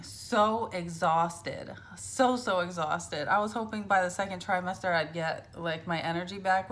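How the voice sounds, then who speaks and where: A woman's voice: mid-range voice, a bit bright. A young adult woman vlogging casually to camera, telling a story full of fillers and acted-out quotes.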